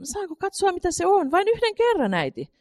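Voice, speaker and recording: Brief: a woman doing a curious little girl, high and pleading, storybook read-aloud, lively sing-song lilt. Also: exaggerated voice. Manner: pleading, wheedling.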